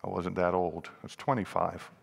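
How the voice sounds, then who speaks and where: A man's voice: low voice, little pitch movement, moderate pace, creaky, in a large hall. A man in his sixties, a pastor preaching a sermon, rising and dropping in volume and acting out the grumbling crowd. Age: 60s. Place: church sanctuary.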